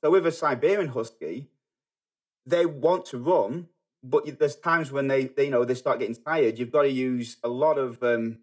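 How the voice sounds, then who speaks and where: A middle-aged man from England with a Manchester accent, talking as a podcast guest in a halting way, full of fillers and restarts. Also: medium pitch. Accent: Manchester English. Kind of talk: casual podcast conversation.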